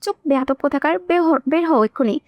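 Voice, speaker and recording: A fed-up young bride scolds sharply and tells people to get out, voiced by a woman reading the story. Her voice is high and cutting. The audiobook recording is close and dry. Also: expressive, fast talker, no room sound, lo-fi sound. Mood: angry. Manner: snapping, scolding.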